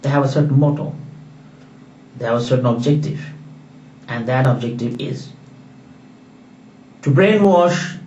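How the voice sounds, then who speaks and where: A man's voice: medium pitch, animated, measured pace, long pauses, darkish tone, a little hiss or hum. Emphatic man, distant and roomy. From Pakistan. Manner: emphatic, repetitive, lecturing. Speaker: author presenting his book. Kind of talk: earnest solo talk to camera. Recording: roomy, distant, dull recording.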